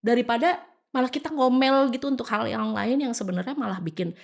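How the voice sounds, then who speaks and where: A woman from Indonesia, a podcast guest giving casual advice. She talks in an animated way, acts out quoted lines of dialogue, and mixes English phrases into her speech. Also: fairly high pitch, brisk, gravelly.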